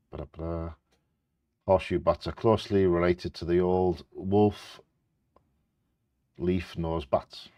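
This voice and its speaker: Deep-voiced man reading out bingo facts. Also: mellow, no echo. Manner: casual, stumbles over scientific names. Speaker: co-host reading out animal facts. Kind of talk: reading facts aloud with casual asides during a live bingo game.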